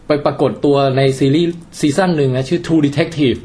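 A man hosting a casual podcast chat, animated and jokey, swearing now and then as he talks about films. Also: a little high, moderate pace. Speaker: podcast host. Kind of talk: casual chat reviewing a film.

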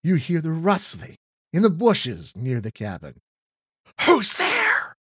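A man reads a children's horror gamebook aloud, drawing out the words for suspense. His pitch moves in a lively way, his pace is slow, and the sound is dry and close. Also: husky, no room sound. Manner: dramatic, drawn-out storytelling. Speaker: reader.

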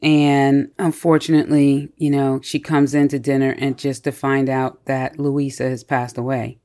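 A podcast co-host in a casual book discussion, retelling the story in an animated way with many fillers and frequent laughter. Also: mid-range voice, moderate pace. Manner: laughs often while retelling.

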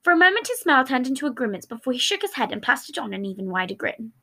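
A woman's voice: high voice, big pitch swings, racing, sharp tone. A woman reading fan fiction aloud, often slipping and restarting lines. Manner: reads with frequent slips and restarts. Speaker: reader.

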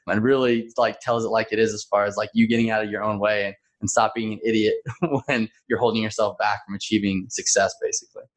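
A man speaking as a podcast guest in casual chat, easygoing and laughing between points. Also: medium pitch.

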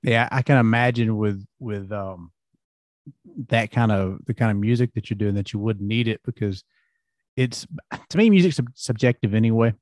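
Folksy Southern-accented middle-aged host. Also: male voice, fairly low pitch, moderate pace, darkish tone, no echo, clean studio sound. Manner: folksy, rambling storyteller. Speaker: podcast host. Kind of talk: casual interview chat.

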